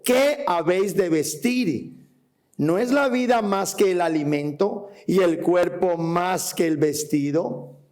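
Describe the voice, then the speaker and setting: A man's voice: high voice, darkish tone. A man preaching a sermon to a church congregation. He reads scripture aloud and puts questions to the listeners. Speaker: pastor. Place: church hall before a congregation.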